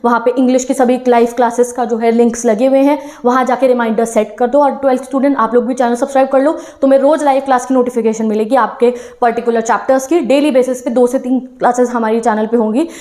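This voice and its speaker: A woman's voice: fairly high pitch, fairly even intonation, quick pace, hardly any pauses, darkish tone. A young woman teacher giving an encouraging talk to exam students, switching between Hindi and English phrases. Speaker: online teacher.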